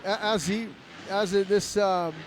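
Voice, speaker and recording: High-voiced male race analyst. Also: unhurried, slight background noise. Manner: relaxed, explanatory, with many fillers. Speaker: co-host and analyst. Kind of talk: live race commentary.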